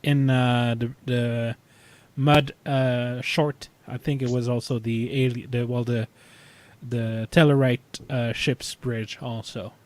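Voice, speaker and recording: Brief: male co-host of a fan podcast, mid-pitched, stops and restarts often, lots of "uh" and "like". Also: little pitch movement. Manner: halting, many fillers and restarts. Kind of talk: casual chat.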